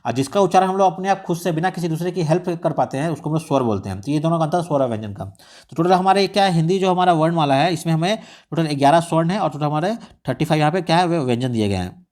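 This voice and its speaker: A man's voice: fairly high pitch, lively intonation, fast talker, darkish tone. A man tutoring for an exam, explaining study material with repeated rhetorical questions and English words mixed in.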